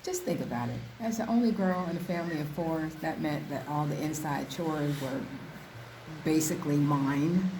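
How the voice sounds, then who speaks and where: A woman's voice: sits low, normal speed. A woman co-hosting a conversational recap, recorded outdoors on a seaside balcony with a slight echo. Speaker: podcast co-host. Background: waves, ambient noise.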